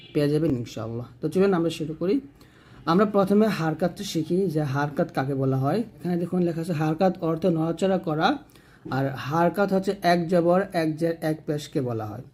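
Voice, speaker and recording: A man teaches Arabic letter pronunciation for Quran reading. He explains patiently and repeats himself, then draws each letter sound out slowly to demonstrate it. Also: on the high side, a little mellow. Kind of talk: tajweed lesson on letter pronunciation.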